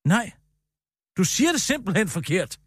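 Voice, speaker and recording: A man with a fairly high voice that leaps up and down as he lectures in a bombastic, mock-authoritative way. He is a satirical radio comedy host, recorded dry and close on a studio mic. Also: very animated, breathy edge, no room sound.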